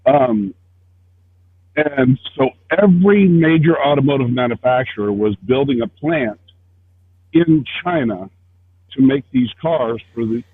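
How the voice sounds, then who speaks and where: A man's voice: medium pitch, animated, a little slow, pauses often, breathy edge, dry recording. Muffled man, as if through a wall. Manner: persistent questioning. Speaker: caller on a livestream. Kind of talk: casual call-in chat. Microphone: headset. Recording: muffled lo-fi phone-like line.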